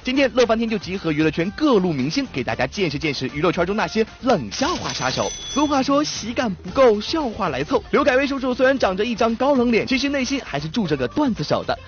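Fast, lively male show narrator. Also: high voice. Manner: playful, teasing. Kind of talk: scripted entertainment narration. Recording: dull lo-fi with faint music.

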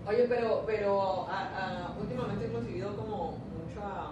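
A man's voice: high-pitched, normal speed, lo-fi sound. A man co-hosting a casual chat, cutting in with teasing remarks. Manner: teasing interjections. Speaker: co-host. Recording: echoey room, far from mic, background noise.

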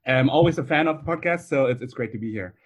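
A man speaking as a guest on a casual podcast, friendly and upbeat. He laughs easily between explanations. His voice sits at an ordinary middle pitch. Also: quick pace. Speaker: podcast guest, analytics director.

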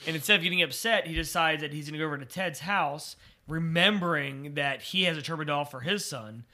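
A man's voice: a little high, brisk, sharp tone. A man co-hosting a podcast, casually retelling a movie's plot with lots of fillers and laughs. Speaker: podcast co-host. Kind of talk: casual movie recap chat.

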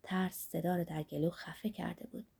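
Husky woman reading a novel aloud. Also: lowish voice, little pitch movement, dark tone. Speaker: audiobook narrator. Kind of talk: literary audiobook reading.

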